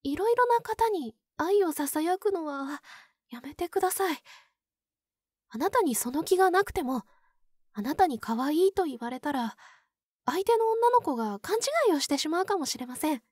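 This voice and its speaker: A woman voicing a pure young nun who is sweetly possessive and obsessive, in a soft, polite ASMR role-play. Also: extremely high pitch, lively intonation, dry recording, studio quality. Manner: polite, soft, demure, lingering pauses.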